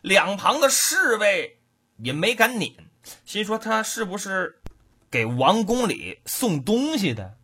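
Animated husky storyteller. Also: female voice, mid-range voice, takes it slowly. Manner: animated, colloquial, punchy. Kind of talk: traditional oral storytelling.

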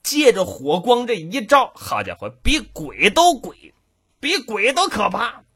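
A male storyteller spins a traditional comic tale with a high, bright voice. He delivers it in a lively, rhythmic, dramatic way, and his tone is husky at the edges. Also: a little slow.

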